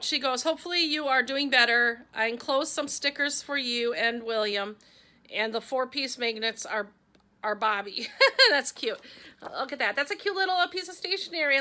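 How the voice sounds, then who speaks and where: A woman's voice: sits high, moderate pace, bright, forceful tone. A middle-aged woman from Wisconsin chatting casually as she opens fan mail, gushing and talking to her pet along the way. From Wisconsin, USA. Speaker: vlogger opening fan mail. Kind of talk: casual chat.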